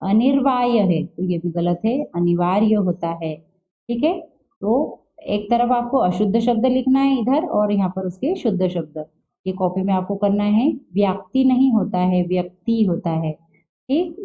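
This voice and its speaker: A woman teaching a school Hindi lesson, patiently asking questions and answering them herself, spelling words out slowly, on a dull lo-fi recording. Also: medium pitch. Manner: patient, asks and answers her own questions. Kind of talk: classroom lesson walkthrough. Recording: dull lo-fi sound.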